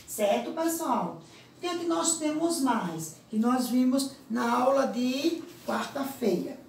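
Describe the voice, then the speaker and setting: Brazilian woman, primary teacher on a recorded lesson, patient and drawn-out, miked from a distance, faint hiss behind. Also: sits high, lively intonation. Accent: Brazilian Portuguese. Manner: slow, drawn-out example words, frequent "certo?" check-ins. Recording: echoey room, from a distance.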